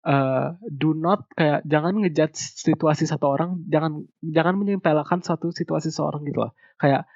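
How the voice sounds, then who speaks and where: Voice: medium pitch, steady tone, moderate pace, darkish tone, no echo, highs cut off. A young host, chatting casually and mixing English phrases into the talk while giving advice. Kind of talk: casual chat.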